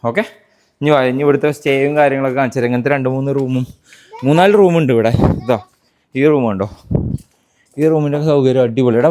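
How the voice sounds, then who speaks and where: A man's voice: medium pitch, darkish tone, no echo. Casual Malayali man vlogging, mixing in English. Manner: mixes English words into Malayalam, chatty, addressing viewers and companions. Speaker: vlog host. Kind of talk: casual walking-tour vlog.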